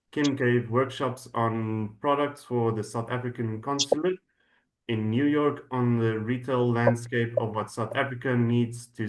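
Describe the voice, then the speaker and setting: A man's voice: mid-range voice, rough recording. A man acting as host, introducing a guest speaker in an informal workshop setting. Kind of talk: introduction, partly read, then halting informal welcome.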